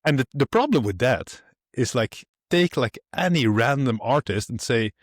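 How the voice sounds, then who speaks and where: A man's voice: mid-range voice, expressive, moderate pace, no echo, clean studio sound. A man co-hosting a casual tech podcast, explaining things loosely with lots of fillers. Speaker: podcast co-host.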